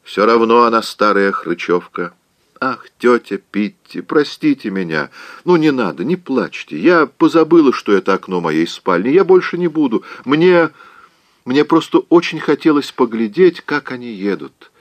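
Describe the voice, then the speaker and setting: A man's voice: medium pitch, very animated, normal speed, dry recording, voice pushed up, natural voice. A man voicing a spoiled, wilful young woman who pleads and storms, in an audiobook reading. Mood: petulant pleading.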